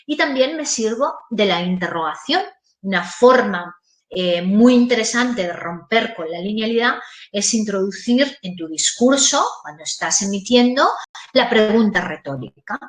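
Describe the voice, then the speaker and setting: Woman, voice trainer, webinar lecture, lively demonstrative delivery, mid-pitched, roomy echo. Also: a little slow. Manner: lively, demonstrative, varies intonation. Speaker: voice and communication trainer.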